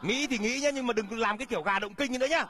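An actor playing a grumbling, bossy rural husband in a stage comedy sketch, nagging with sharp questions. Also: male voice, very high-pitched, fast talker, noisy background.

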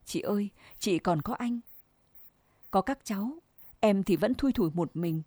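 A young village woman begs for mercy in a humble, tearful voice, as a woman reads her part. The tone is soft and mellow, with a dry close sound. She keeps pleading and giving way. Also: mid-range voice, animated, measured pace, slightly rough, dry recording.

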